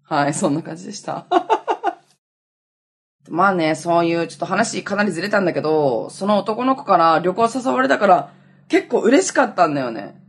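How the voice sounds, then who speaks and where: A young woman from Okinawa hosts a relaxed solo chat show. Her voice has a slightly husky grain and swings widely in pitch. She rambles freely and keeps breaking into laughter at her own stories. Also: normal speed. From Okinawa, Japan. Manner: chatty, laughs often, self-mocking. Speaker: podcast host.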